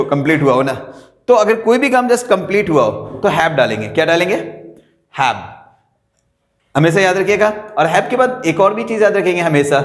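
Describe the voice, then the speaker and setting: A man teaching an English grammar lesson in a classroom, animated, quizzing his students and having them call out the answers. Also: on the high side. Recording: echoey classroom, long reverb.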